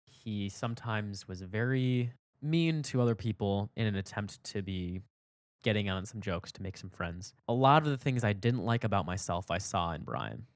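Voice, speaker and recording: A young man hosting a podcast, telling a personal story in a candid, reflective way, his voice jumping up for emphasis and dropping low for asides. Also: lively intonation, moderate pace, no room sound, studio quality. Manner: reflective, candid, swings between loud emphasis and soft asides. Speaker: podcast host.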